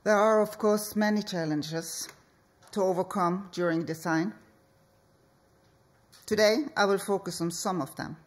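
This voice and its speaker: This is a conference presentation by a Norwegian woman architect, delivered in a conference hall. She keeps a medium pitch and a slow, careful pace, leaving pauses between phrases.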